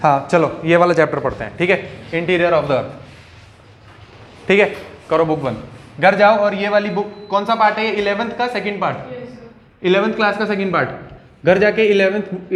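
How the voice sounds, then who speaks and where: A man's voice: high voice, normal speed, long pauses, fairly bright tone, slight background noise. A male teacher giving a classroom lecture in a conversational way, often checking in with his students.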